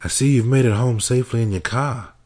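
A cold, sneering female kidnapper with a Brooklyn accent, put on by a man reading a crime audiobook. She taunts and drips contempt. The voice sits high above the reader's own, with a husky edge. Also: fairly quick, darkish tone, natural voice. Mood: taunting.

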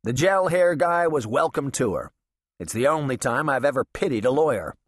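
A man's voice: mid-range voice, lively intonation, normal speed, no echo. Wry male audiobook narrator. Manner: wry, sardonic first-person storytelling. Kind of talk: scripted narration.

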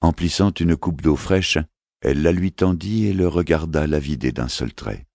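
A man reading a novel aloud as an audiobook narrator, in measured, even storytelling on a close studio mic. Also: rumbling low, gravelly, no room sound. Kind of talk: scripted narration.

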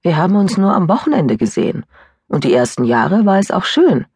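A woman's voice: on the low side, very animated, a little fast, darkish tone, husky, dry recording, studio quality, voice pushed up, exaggerated voice. A woman narrator voicing a troubled young woman in an audiobook, telling her past in a rueful, sighing way. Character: troubled young woman recalling a broken engagement. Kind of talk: audiobook character voice.

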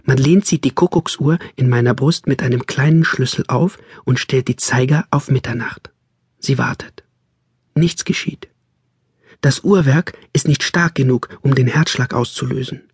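A man narrating a novel in a calm, measured storytelling manner, close on a studio mic. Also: medium pitch, breathy edge, no room sound. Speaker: audiobook narrator. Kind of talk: scripted narration.

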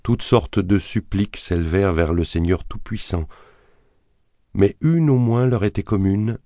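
A man narrating a thriller audiobook in a measured, dramatic reading that colors the quoted lines. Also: fairly low pitch, mellow, dry recording, clean studio sound. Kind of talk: scripted narration of a thriller novel.

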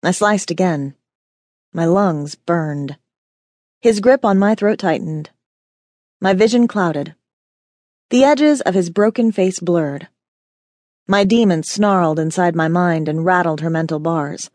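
A woman's voice: lowish voice, slow pace, long pauses, a little mellow, no echo, clean studio sound. A woman narrating a first-person fantasy audiobook with wry, dramatic storytelling.

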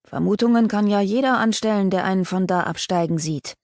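A woman reading aloud plays a shepherd, a man who answers gruffly while trying to mask his nerves. Her voice stays mellow and warm, close and dry for an audiobook. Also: medium pitch, brisk, no echo, lightly acted. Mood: uneasy. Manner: gruff, trying to sound brave. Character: nervous male shepherd, gruff but timid.

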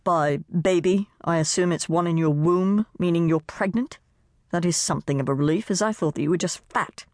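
A woman's voice: fairly low pitch, normal speed, dry recording, natural voice. Woman doing a haughty British actor. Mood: disdainful. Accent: British (put on). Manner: dry, condescending. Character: haughty British male actor, cold and stiff.

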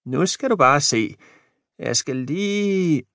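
A man's voice: a little high, animated, fairly bright tone, dry recording, clean studio sound, pitched above the performer's own voice. A man voicing a gaunt, balding old husband who is hearty and good-natured, in an audiobook. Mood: cheery.

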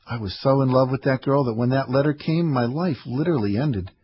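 Man doing a lovesick old gent, husky, eager and begging, raised pitch, muffled audio. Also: fairly quick, close to an everyday voice. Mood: pleading. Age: older.

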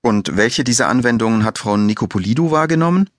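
Man reading a calm, polite policewoman. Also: medium pitch, quick pace, no room sound, clean studio sound, lightly acted. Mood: composed. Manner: friendly, composed. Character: female detective, calm and polite.

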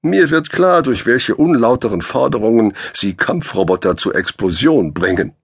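A man putting on a wisecracking young spacer for a sci-fi audiobook. He sits high and bright above a gravelly baseline, teasing everyone with ironic, mock-solemn lines. The sound is close and dry. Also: expressive, normal speed, dry recording. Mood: wry joking. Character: lanky young male spacer, wisecracking and theatrical.

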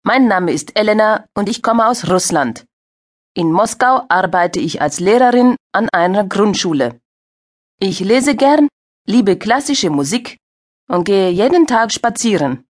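An actress playing a friendly young female participant in a scripted language-course dialogue, speaking slowly with clear diction. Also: medium pitch. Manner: slow, clear, lively intonation.

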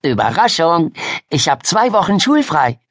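A man voicing a chatty, excited schoolgirl who babbles without pause, in a storybook reading. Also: fairly high pitch, no echo, clean studio sound, pitched above the performer's own voice, heavily acted. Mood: excited chatter. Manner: babbling nonstop, gushing.

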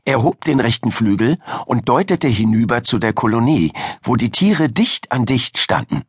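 A man narrating a children's audiobook with expressive, lively storytelling. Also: mid-range voice, moderate pace, breathy edge, no room sound, studio quality.

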